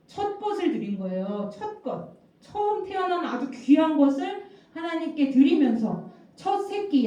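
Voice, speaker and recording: A woman pastor giving a lively children's sermon, coaxing the kids with questions and repeating key words. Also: high-pitched, far from the mic. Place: church worship room. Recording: very echoey room, voice from off-mic, dull sound.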